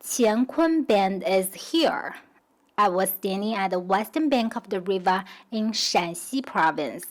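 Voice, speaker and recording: A woman from China narrating a travel vlog, explaining history and pronunciation in a steady teaching manner. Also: mid-range voice, measured pace, rough recording. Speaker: travel vlogger. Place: outdoors in a riverside town.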